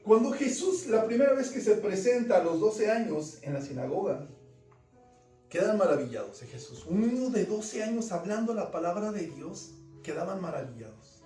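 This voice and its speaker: A man preaching a fervent sermon, swinging between loud emphasis and quiet asides. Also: high voice, lively intonation, normal speed. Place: church service. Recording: roomy church sound from a distant mic, faint music behind.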